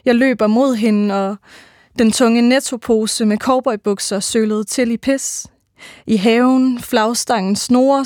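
A woman giving a measured, rhythmic reading of her own first-person literary prose. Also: on the high side, a little mellow, dry recording, clean studio sound.

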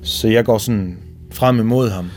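A Danish man giving documentary testimony, retelling events vividly in a halting way with repeated words. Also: fairly low pitch, a little mellow, soft background music. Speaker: interviewee recounting family events.

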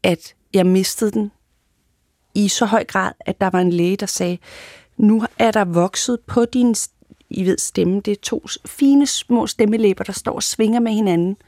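A woman's voice: medium pitch, darkish tone, no room sound. A woman actress talking reflectively in a casual studio conversation, hesitant with many fillers. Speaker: actress and guest.

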